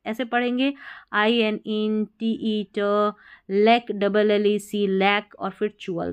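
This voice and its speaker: Slow, clear-voiced woman teacher. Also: medium pitch. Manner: spells words out letter by letter, then gives the meaning. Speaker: English teacher. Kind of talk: spelling and reading lesson.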